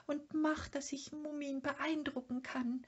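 A woman voicing a small, timid but excitable animal creature in a storybook reading, eager and breathless. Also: high-pitched, a little slow, lo-fi sound, pitched above the performer's own voice. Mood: pleading.

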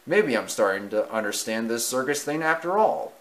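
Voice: mid-range voice, big pitch swings, moderate pace, fairly bright tone, low-quality recording. A storybook reader voicing a plain-spoken, reassuring father mouse in a near-ordinary voice.

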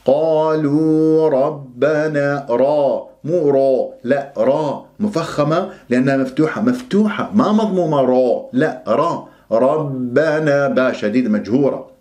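A man from Iraq teaching Quran recitation rules, stretching words out slowly to demonstrate their pronunciation. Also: mid-range voice, lively intonation, darkish tone. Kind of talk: tajweed lesson with slow demonstrations.

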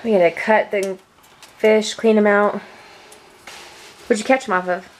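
A woman's voice: mid-range voice, steady tone, unhurried, a little hiss or hum, low-quality recording. A woman chatting and teasing her family while filming a casual family vlog outdoors by a mountain creek. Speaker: family vlogger.

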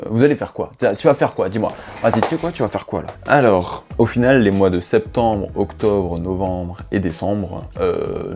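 A young male YouTuber with a deep, dark-toned voice rambles to camera about his year in slangy, self-mocking fashion. It's an improvised casual monologue captured on a lapel mic in a dim bedroom studio.

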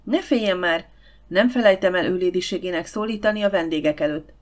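A woman's voice: fairly low pitch, close to an everyday voice. A woman voicing a bossy, outspoken older housekeeper in an audiobook, talking bluntly and grumbling.

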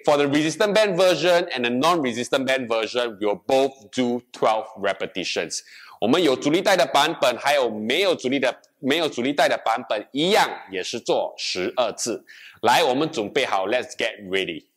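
In a bright indoor gym room with a treadmill, a young man runs a fitness class, demonstrating exercises and counting reps while switching line by line between English and Mandarin. The instructor's mid-range voice is animated and a bit bright, at a normal pace.

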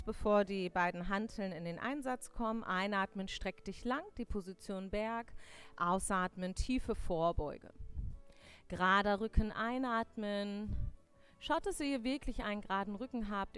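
A young woman teaching a live yoga class, giving clear step-by-step cues on breath and posture, with playful corrections to her students. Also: mid-range voice. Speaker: yoga instructor. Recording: faint music behind.

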